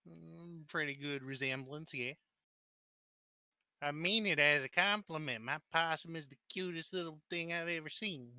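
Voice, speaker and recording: A man playing a good-natured, uneducated country man who is earnest and slow on the uptake, recorded on a clipping mic. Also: on the high side, pushed and bright, no room sound, dull audio, pitched above the performer's own voice. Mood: earnest, apologetic.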